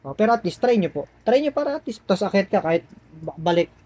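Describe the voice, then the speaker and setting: Quick chatty healer guy, voice sits kinda high, keeps coaxing and repeating stuff. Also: lively intonation, dark tone. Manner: coaxing, repeats himself, reassuring. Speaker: spiritual healer. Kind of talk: explaining to patients during a healing session.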